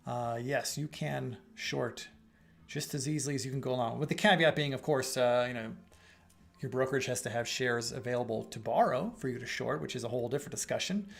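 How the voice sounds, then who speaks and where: On his live trading stream, a middle-aged host answers viewers in a chatty, meandering way, thinking aloud with fillers and restarts. His creaky voice is medium in pitch and a little fast. It's giving out somewhat, and he clears his throat.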